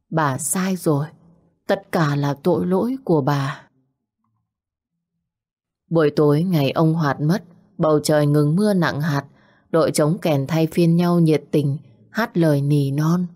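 A woman telling an audio story as a narrator, in a slow and somber way. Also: sits low, a little mellow.

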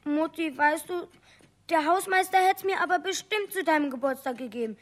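A woman's voice: sits high, normal speed, lightly acted. An actress voicing a young boy who pleads and whines in a 1970s radio play. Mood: pleading. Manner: pleading, whiny.

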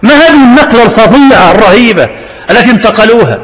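A man's voice: very high voice, expressive, fast talker, fairly bright tone. A man with an Egyptian accent preaching a religious sermon with passion, repeating himself and asking rhetorical questions. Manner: impassioned, repetitive rhetorical questions. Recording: long hall reverb.

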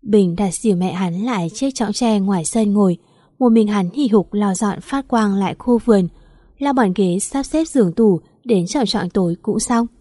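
A woman narrating a story in a steady, even reading. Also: mid-range voice, moderate pace, no room sound, clean studio sound.

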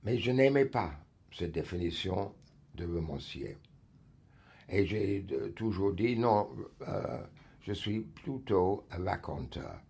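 Fields: Sex: man. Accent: English. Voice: very low, gravelly. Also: expressive, darkish tone. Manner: halting, searching for French words. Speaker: writer interviewed on archive radio. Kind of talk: radio interview answers.

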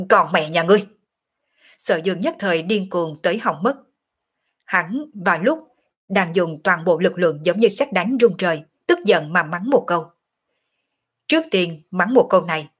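A woman narrating a martial arts novel as an audiobook in a steady, dramatic storytelling manner. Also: fairly low pitch, slightly rough.

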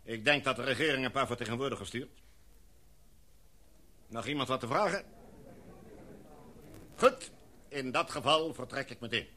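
In a radio play, an actor voices a commanding, decisive male expedition leader addressing a meeting in a formal, speech-like manner. His mid-range voice has a sharp tone, a moderate pace and long pauses, and his mood is measured.

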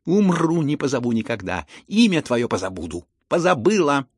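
A man voicing a hot-tempered, imperious older noblewoman in an audiobook, with sharp scolding outbursts and a gravelly, husky voice. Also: fairly low pitch, very animated, normal speed, dry recording, studio quality, exaggerated voice. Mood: furious. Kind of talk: audiobook character reading.

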